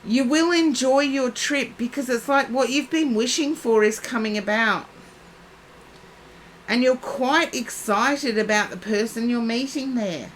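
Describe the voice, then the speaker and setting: A woman's voice: fairly high pitch, a little slow, a little hiss or hum, low-quality recording. A woman giving psychic readings on a live stream, chatting and addressing viewers by name. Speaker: psychic reader.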